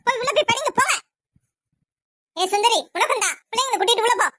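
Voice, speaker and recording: A woman's voice: very high voice, fast, pushed and bright, no echo, clean studio sound. A woman voicing a firm, commanding middle-aged mother in a cartoon who defends her daughter. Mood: stern.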